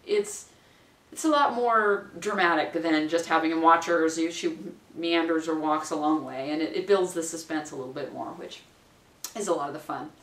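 Here a woman in her forties with a low voice and moderate pace trains viewers as a wedding minister, talking to camera in a chatty, practical way. When she mimics what people say, her tone turns bright and playful. Recorded in a small home room on a far-off camera mic, the audio sounds roomy.

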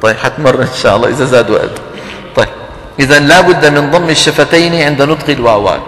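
A man teaches Quran recitation in a lively, teasing way, often slowly chanting example words. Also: mid-range voice. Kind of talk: lecture on tajweed, mixing dialect and formal Arabic. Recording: roomy hall with long echo, faint hum.

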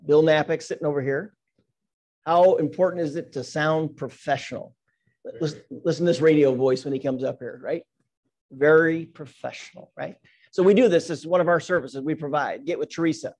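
A man's voice: fairly high pitch, a little fast, darkish tone. A man leading an office team meeting, reading announcements and birthdays in an upbeat, teasing way with many "right?" asides. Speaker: meeting leader.

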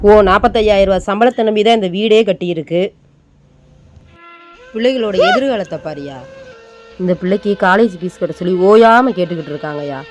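A woman's voice: mid-range voice, darkish tone, lightly acted. An actress playing a practical, anxious mother who scolds her daughters and steadies her husband. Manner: scolding, then steadying and supportive.

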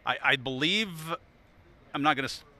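Bright, clear-voiced male TV host. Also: mid-range voice, animated. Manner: upbeat, quick to laugh. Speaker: TV sports host. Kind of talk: post-tournament interviews and trophy presentation.

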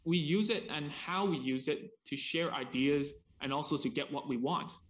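A man presenting a seminar as a speech therapist, explaining in short chunks over a video call and pausing for an interpreter, with casual asides. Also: a little high. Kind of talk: seminar talk paused for interpretation.

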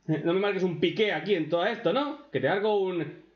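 A man's voice: high-pitched, fairly quick. A man with an accent from Spain, doing crude, sarcastic reaction commentary as a streamer. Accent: Spain Spanish. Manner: foul-mouthed, sarcastic, mocking. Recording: echoey room, dull lo-fi sound.

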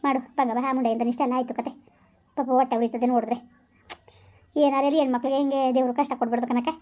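A woman's voice: high voice, little pitch movement, fast, a little mellow, lightly acted. A woman doing a gossipy village woman. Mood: scornful. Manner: sighing, lamenting, gossipy. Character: gossiping middle-aged village woman, sharp-tongued.

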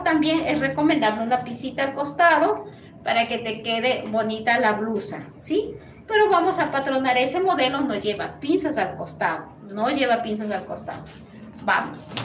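Ecuadorian lady teaching pattern cutting on a livestream, high voice, echoey workshop, kinda noisy. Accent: Ecuadorian Spanish. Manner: warm blessings and greetings, frequent "¿sí?" check-ins. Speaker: sewing instructor. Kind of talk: live-streamed sewing lesson. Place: small sewing workshop indoors. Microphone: lapel mic on a camera set back. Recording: echoey room, distant mic, noisy.

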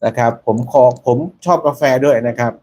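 A man's voice: mid-range voice, fairly even intonation, fairly quick, darkish tone, a little hiss or hum. A man hosting a casual live stream, chatting with viewers and reading out their names, peppering his talk with polite particles.

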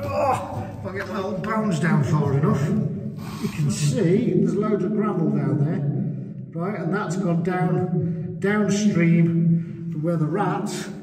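A man's voice: a little high, distant mic. A man who works as a pest controller, echoing as if in a cave while he speaks down a manhole and explains his work to the camera. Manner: chatty, explains while working, calls out to his colleague. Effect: echoey cave-like sound, speaking down a manhole.

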